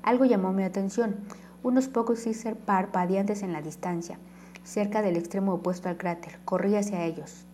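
A woman's voice: mid-range voice, steady tone, moderate pace, dark tone, slight background noise. A woman narrating a first-person novel aloud, reading dialogue with light shifts and sometimes stumbling and restarting. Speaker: audiobook narrator.

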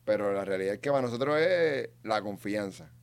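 A man's voice: lowish voice, expressive, brisk, gravelly, smooth. A Puerto Rican man, a barber, chatting casually and explaining with conviction. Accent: Puerto Rican Spanish. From Puerto Rico. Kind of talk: casual chat.

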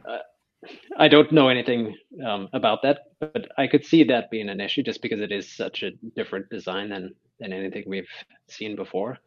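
A man's voice: fairly low pitch, a little fast. A man on a casual podcast panel, talking hesitantly with many ums. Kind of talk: casual group chat. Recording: dull lo-fi audio.

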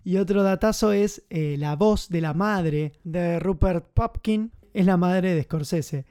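Chatty Argentine man with a high voice. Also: slow pace, warm tone, smooth. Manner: chatty, enthusiastic, many fillers. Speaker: film commentator host. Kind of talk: casual film commentary.

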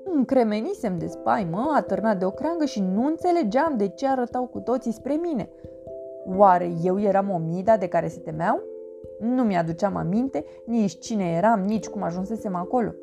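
A woman's voice: medium pitch, creaky. A woman playing a bouncy little boy earthworm. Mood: cheerful. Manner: lively, playful, animated storytelling. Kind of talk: storybook narration in character. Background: background music.

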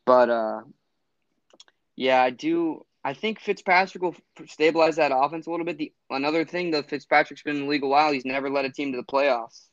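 A man's voice: on the high side, fairly quick, no echo, dull audio. A man co-hosting a sports podcast, rambling with fillers and restarts. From Florida. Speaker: podcast co-host. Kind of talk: casual sports chat.

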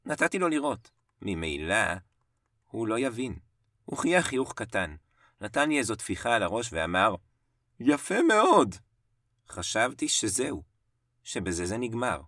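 A man narrating a first-person story in short phrases with dramatic pauses. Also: fairly low pitch, big pitch swings, no echo. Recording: dry voice set back from the mic, soft music bed. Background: soft piano music.

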